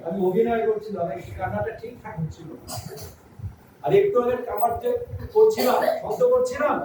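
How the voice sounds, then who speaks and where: A woman teaching a theatre workshop to schoolchildren, asking them questions and coaxing answers in a lively way. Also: medium pitch. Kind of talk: teaching children acting in class. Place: school classroom. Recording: echoey room, far from mic, noisy.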